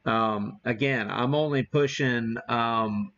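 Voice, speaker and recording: Working the equipment on a casual live stream, a man demos amateur radio and thinks aloud in halting speech. The recording is muffled, and his mid-range voice sounds a bit bright.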